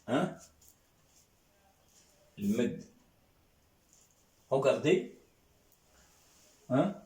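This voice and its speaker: A man's voice: mid-range voice, big pitch swings, drawn-out words, warm tone. A man teaching a lesson in French, patiently repeating sounds and checking on his students with a questioning "hein?". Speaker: Arabic teacher. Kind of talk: classroom lesson. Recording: roomy echo, distant mic.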